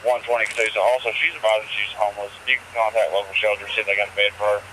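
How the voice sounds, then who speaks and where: A man's voice: on the low side, little pitch movement, very fast, pushed and bright. A man speaking as a police officer on radio, terse and procedural with number codes, recorded on a noisy bodycam. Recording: noisy outdoor bodycam with vehicle sounds.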